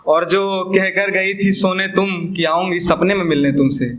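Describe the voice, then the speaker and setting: Performing his own poetry live, this man from Bihar uses a Bihari accent, hammers home lines by repeating them, and chats between verses. His voice sits high with fairly flat intonation, a normal pace and a fairly bright tone.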